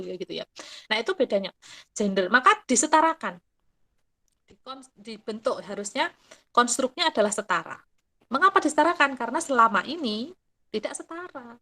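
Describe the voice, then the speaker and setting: A middle-aged woman explains things in a lively, chatty way. Her voice sits a little high, and she drops into quick acted quotes and local sayings. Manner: animated, mixing in Javanese quips and acted quotes. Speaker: guest speaker. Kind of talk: casual explanatory talk.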